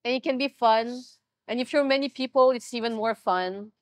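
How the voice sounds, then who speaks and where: Teasing young woman, high bright voice. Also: moderate pace, no echo. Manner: teasing, playful, laughs often. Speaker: mukbang host. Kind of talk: casual chat while eating. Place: restaurant.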